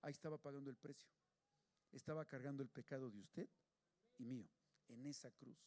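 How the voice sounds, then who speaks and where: A man preaching a sermon, moving between hushed, pleading passages and raised, emphatic ones. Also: mid-range voice, steady tone, brisk.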